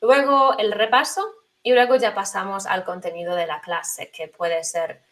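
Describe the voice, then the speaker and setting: A woman's voice: medium pitch, fairly even intonation, normal speed, a bit bright. A woman who works as a language teacher, answering interview questions thoughtfully with frequent hesitations and fillers. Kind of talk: conversational interview.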